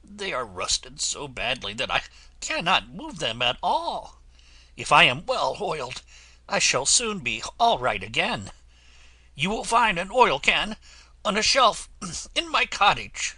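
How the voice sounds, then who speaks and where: A man reading an audiobook, voicing a rusted tin woodman who speaks slowly and sadly. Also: on the high side, very animated, bright, forceful tone, breathy edge, no room sound, pitched above the performer's own voice, exaggerated voice. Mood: sorrowful. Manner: slow, sorrowful, weary speech. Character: rusted male tin woodman, sad and slow.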